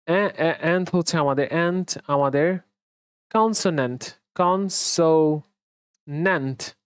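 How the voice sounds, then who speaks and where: A man's voice: sits high, dry recording. Man teaching English pronunciation, dry sound. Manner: drills pronunciation, repeating letters slowly; mixes English words into explanations, asks and answers own questions. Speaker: English grammar instructor. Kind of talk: classroom lecture.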